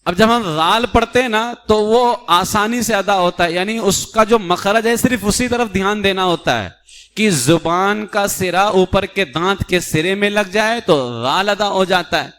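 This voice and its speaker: High-voiced man teaching Quran recitation. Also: fairly bright tone, smooth. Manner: explanatory, slowly sounds out Arabic letters to demonstrate. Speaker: mufti teaching a Quran class. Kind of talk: religious lesson on Quran recitation. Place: mosque.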